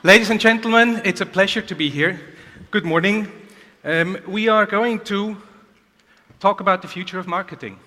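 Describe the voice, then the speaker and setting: Male keynote speaker, energetic, bright and fairly high voice, big echoing conference hall. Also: moderate pace. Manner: energetic, rhetorical questions.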